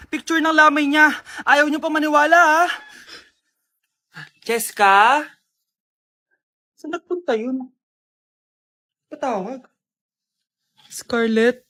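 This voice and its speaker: Woman, high pitch, comedy skit acting. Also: fairly bright tone.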